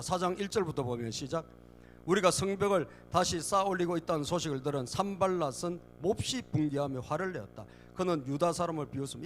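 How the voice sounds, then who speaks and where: Male pastor, fairly high voice, preaching and prodding the congregation, faint hum under it. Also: fairly bright tone. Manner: asks the congregation "예?" again and again; acts out mocking enemy voices. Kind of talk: sermon. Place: church sanctuary.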